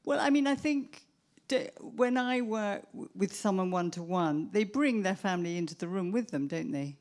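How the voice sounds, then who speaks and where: A woman psychotherapist answering an audience question, reflective and measured, often restarting her sentences. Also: medium pitch, expressive, darkish tone. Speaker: psychotherapist speaker. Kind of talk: Q&A answer at a professional event.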